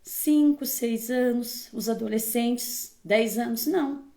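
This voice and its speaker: A woman's voice: on the high side, slow, warm tone. A woman speaking as a parenting educator, giving firm, emphatic advice to viewers in a casual tone and often checking in with the listener.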